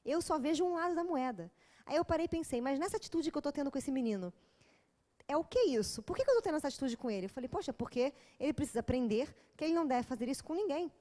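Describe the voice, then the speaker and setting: Fast-talking high-voiced Brazilian woman lecturer. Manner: animated, acting out dialogue, frank. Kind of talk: lecture with lively anecdotes.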